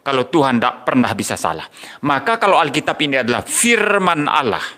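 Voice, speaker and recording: Older pastor preaching brightly. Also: male voice, medium pitch, big pitch swings, fairly quick. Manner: storytelling, repeats key phrases for emphasis. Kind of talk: sermon with personal anecdotes.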